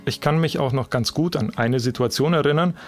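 A male podcast host reads his scripted narration at a medium pitch. His delivery is personal and story-like, with a dry, close sound and no room echo. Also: fairly quick, faint music behind.

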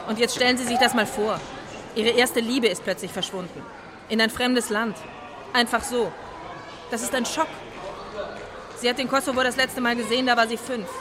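A woman's voice: a little high, close to an everyday voice. A woman playing a teacher who speaks earnestly to the listener in a radio drama monologue. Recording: crowd and loud noise in a public place.

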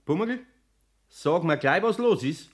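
A gruff, older Bavarian carpenter in a radio play. He grumbles and presses with questions, his voice rising and falling in lively swings. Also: fairly high pitch, unhurried. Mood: suspicious. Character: gruff older master carpenter, patient but suspicious.

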